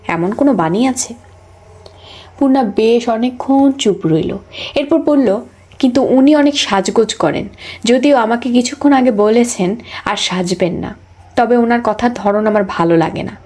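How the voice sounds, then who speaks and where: A text-to-speech woman's voice reading a novel aloud as an audiobook, keeping an even, flat delivery for every character. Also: fairly high pitch. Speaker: audiobook narrator.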